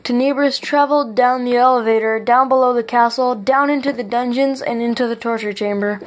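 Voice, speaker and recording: A woman's voice: fairly high pitch, steady tone, fairly quick. A woman reading aloud a chapter of her own adventure story, earnest and stumbling on some words. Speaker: author reading own book.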